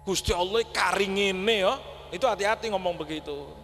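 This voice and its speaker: High-voiced preacher in an echoing mosque. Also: male voice, normal speed, a bit bright. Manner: folksy, addresses audience as Pak, mixes Javanese words. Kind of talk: sermon. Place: large mosque. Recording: long hall reverb, faint hum.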